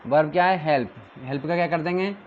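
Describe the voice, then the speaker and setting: A man's voice: a little high, quick pace, highs cut off, slight background noise. A male teacher giving a classroom grammar lesson, drilling his students with questions and answers.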